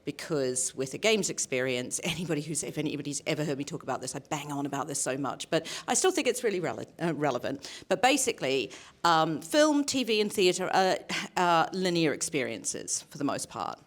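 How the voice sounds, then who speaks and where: Woman with a light New Zealand accent, deep voice, explains patiently at a conference panel, director type. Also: sing-song, a little fast. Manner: explanatory, repeats key points. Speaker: voice and performance director. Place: conference stage.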